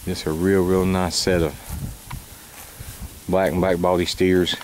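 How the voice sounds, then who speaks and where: A man describing cattle for a livestock sale, talking in a steady, matter-of-fact way, recorded outdoors on a camera mic. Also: deep voice, measured pace, a little hiss or hum, poor audio. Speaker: livestock auction presenter. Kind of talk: plain spoken sale description.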